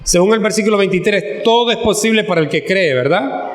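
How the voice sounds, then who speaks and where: A male pastor with a Honduran Spanish accent preaching a sermon, who keeps calling his listeners "brother" and slows down for quoted verses. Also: high voice, roomy sound. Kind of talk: sermon reading and explaining scripture. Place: church hall.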